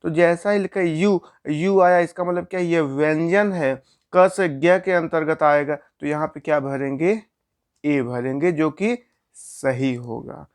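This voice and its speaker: A man's voice: on the high side, measured pace, clear, resonant tone. A man teaching a grammar lesson, explaining step by step and asking questions he answers himself.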